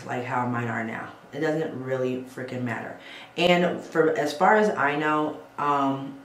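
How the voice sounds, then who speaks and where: A woman with a low-pitched voice gives a casual beauty tutorial at a bathroom sink, chatting with her viewers and asking "okay?" as she works. She's a beauty vlogger, and the recording has a roomy echo, faint ambience, and slight background noise.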